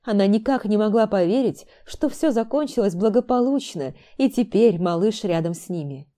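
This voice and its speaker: A woman narrating an audiobook in a calm, even delivery. Her tone is mellow and dark, at a middle pitch. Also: normal speed.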